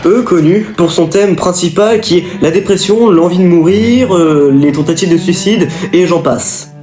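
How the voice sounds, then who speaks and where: A man's voice: sits high, moderate pace. A man hosting an improvised video on film genres, rambling with fillers and self-corrections. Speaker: video host. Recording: echoey room with music behind.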